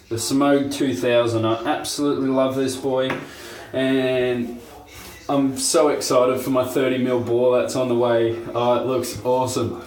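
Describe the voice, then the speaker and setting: In a casual shaving review, a young male host talks in a mid-range, darkish voice, chatty and laid-back and laughing at himself. It sounds like a roomy home recording.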